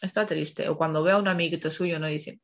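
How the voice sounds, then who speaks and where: A woman's voice: sits low, fairly even intonation, fast. A woman with a Spain Spanish accent hosting a parenting program, talking in a chatty, rambling way and often tagging her sentences with a questioning "no?". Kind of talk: casual spoken monologue. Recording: slightly muffled recording.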